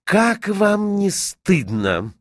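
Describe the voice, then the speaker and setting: A man's voice: mid-range voice, wildly swooping pitch, measured pace, dry recording, studio quality, voice pushed up. A man voicing a bashful young student tutor who stammers when flustered.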